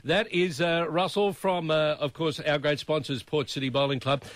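A man's voice: fairly high pitch, fairly even intonation, normal speed, no echo. A man with an Australian accent hosting breakfast radio in a matey, jokey, slangy way. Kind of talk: upbeat radio chat and links. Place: radio studio.

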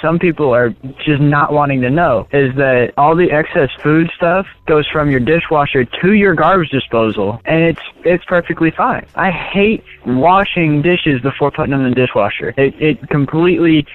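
A man's voice: a little high, moderate pace, few pauses, no room sound. A man leaving an opinionated, matter-of-fact voicemail over a phone line.

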